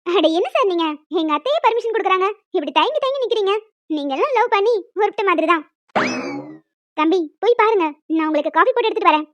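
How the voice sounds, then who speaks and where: Woman doing shrill, fast cartoon village women. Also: expressive, a bit bright, no room sound. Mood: coaxing. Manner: fast, dramatic, scolding and tearful. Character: village women and a young daughter, emotional. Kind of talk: cartoon voice acting. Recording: dull, dry lo-fi recording.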